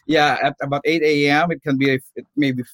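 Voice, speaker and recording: A middle-aged man from the Philippines, a nurse and professor, talking as a guest in a casual interview with many pauses and restarts. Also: a little high, flat delivery, fairly bright tone, a little hiss or hum. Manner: hesitant, many fillers and restarts.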